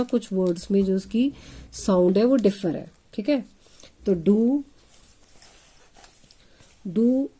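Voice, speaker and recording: A woman's voice: medium pitch, mellow. A woman teaching English phonics to children, spelling words letter by letter and sounding them out. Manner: addresses pupils as children, asking questions. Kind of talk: slow phonics lesson for children.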